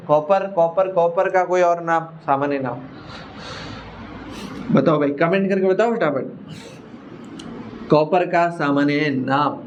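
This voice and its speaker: A man's voice: on the high side, slight background noise. A male science teacher giving a classroom lecture, repeating key terms and asking the class rhetorical questions in a casual, chummy way. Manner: casual, addresses listeners as brother.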